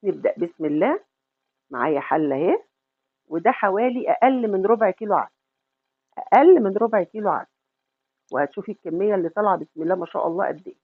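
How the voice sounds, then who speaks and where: A woman's voice: mid-range voice, animated, quick pace, long pauses, breathy edge, dry recording, phone-quality sound, faint music behind. A middle-aged woman with an Egyptian accent hosts a home cooking tutorial. She talks affectionately, calls the viewer sweetheart, and asks and answers her own questions. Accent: Egyptian Arabic. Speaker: cooking channel host.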